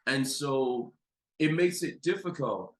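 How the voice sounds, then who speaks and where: Appearing as a podcast guest, an American psychologist with a deep voice speaks slowly but with emphatic, building intensity. His talk is conversational yet impassioned.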